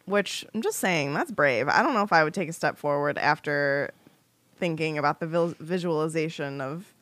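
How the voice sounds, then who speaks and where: A woman's voice: low-pitched, animated, moderate pace, fairly bright tone, no room sound, clean studio sound. A woman co-hosting a casual book-club podcast, recapping the chapter with hesitant fillers. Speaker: podcast co-host.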